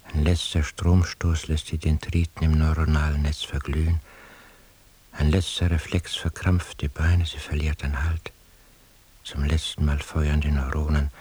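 In a radio drama monologue, an actor plays a weary, anguished man who cannot sleep, morose and minutely observant. His very deep voice comes out breathy, half-whispered, and husky, with a darkish tone and a heavily acted delivery.

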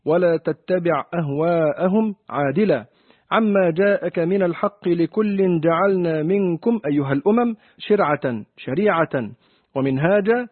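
A man reading a classical commentary aloud in a steady, formal way, glossing word by word. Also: high-pitched, moderate pace, no room sound. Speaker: reader of the commentary text. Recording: dry tinny phone-like recording.

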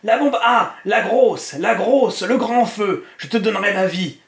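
A man's voice: high voice, takes it slowly, echoey room, pitched above the performer's own voice. A man voicing a frantic, gurgling madman. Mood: frantic ecstasy. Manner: frantic, pleading and triumphant shouting. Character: ecstatic, ravaged, half-mad man with a gurgling voice.

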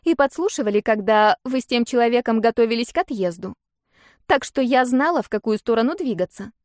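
A woman doing a squeaky earnest little sister. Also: expressive, fairly quick, a little mellow, dry recording, studio quality, lightly acted. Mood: eager. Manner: squeaky, indignant, eager. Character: earnest young girl, the narrator's little sister.

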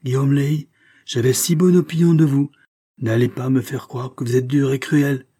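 Male reader as a young countrywoman, impassioned and reproachful, mellow husky tone. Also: on the low side. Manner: impassioned, pleading. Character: reserved young woman, reproachful and pleading.

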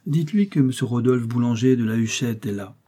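A man voicing a polished, wealthy country gentleman who speaks courteously. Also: mid-range voice, fairly quick, slightly rough, lightly acted.

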